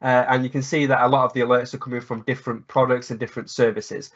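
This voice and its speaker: A croaky-voiced man presenting a live technical webinar, explaining at length with many fillers and restarts. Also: medium pitch, level tone, fast talker. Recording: dull lo-fi webinar audio.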